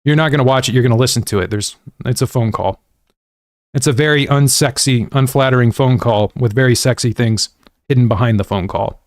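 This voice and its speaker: At his desk indoors, an American gaming livestream host talks to viewers fairly quickly in a loose, rambling, slang-heavy way, poking fun at himself as he goes. His pitch is an ordinary male middle range. The sound is dry and close, with no room sound.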